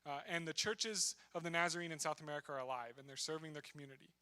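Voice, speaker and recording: A man's voice: fairly high pitch, steady tone, fast, bright, forceful tone, smooth. A man speaking as a missionary at a church, telling his story in a conversational, self-deprecating way. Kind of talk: church talk with testimony. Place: church sanctuary.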